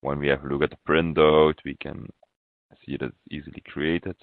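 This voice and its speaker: A very deep-voiced man, a software consultant, presents a webinar demo walking through how to use some software. He speaks flatly and haltingly, pausing mid-phrase, with no echo on the thin, phone-like audio.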